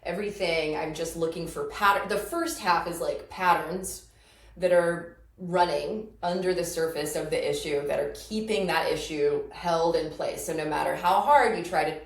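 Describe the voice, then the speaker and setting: A woman's voice: fairly low pitch, normal speed. A woman who works as an energy practitioner, explaining her method in casual podcast chat and laughing often. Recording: roomy, distant mic.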